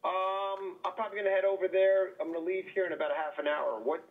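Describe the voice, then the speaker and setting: A man's voice: high voice, steady tone, quick pace. A man, a defense attorney, calling into a court hearing over a speakerphone, talking hesitantly with many fillers and restarts. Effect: heard over a courtroom speakerphone. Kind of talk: phone call into a court hearing. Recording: tinny phone line on speakerphone.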